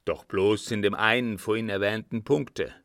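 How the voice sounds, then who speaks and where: A man reading an audiobook voices a gruff old field marshal who bursts out loudly with blunt oaths. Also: lowish voice, steady tone, moderate pace, dry recording, clean studio sound. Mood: blustering. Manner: loud blunt outbursts and oaths.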